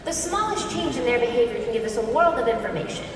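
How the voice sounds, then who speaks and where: A woman reading scripted inspirational show narration in a measured, polished way. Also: a little high, animated, recorded from a distance. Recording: echoey venue playback from afar, noisy.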